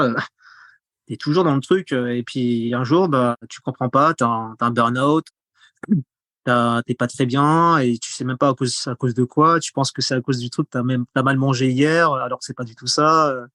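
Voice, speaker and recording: A man's voice: mid-range voice, fairly bright tone, no room sound, clean studio sound. A man guest on a podcast, talking casually and rambling, with many fillers and repeated words. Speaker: podcast guest, content creator. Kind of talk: casual conversational interview.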